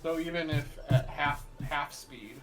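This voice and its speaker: A man's voice: on the high side, measured pace, soft background music, rough recording. A man speaking casually as a player in a tabletop role-playing game. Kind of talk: casual chat.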